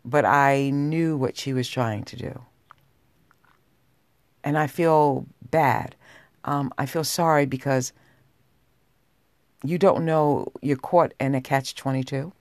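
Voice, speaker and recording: Sultry, low-voiced woman podcaster with gravelly edge. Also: slow pace, long pauses, dry recording. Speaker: podcast host. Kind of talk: personal talk podcast monologue.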